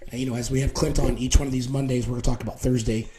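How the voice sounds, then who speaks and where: In quick, informal live conversation with his co-hosts, the male host speaks at a medium pitch with slight hoarseness. His tone is dark and level throughout the casual chatter.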